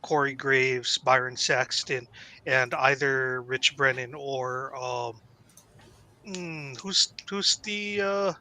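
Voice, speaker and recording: A man with a very bright, forceful voice talks through wrestling history on a casual podcast. He rambles and pauses to dig up names. His pitch sits in a middle range for a man. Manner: knowledgeable, rambling with fillers.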